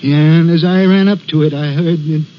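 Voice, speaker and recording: An actor playing a nervous railway signalman in a 1940s radio play, telling his story in a halting, stammering way. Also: on the high side, steady tone, slight background noise, lightly acted. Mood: haunted. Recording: dull old radio recording.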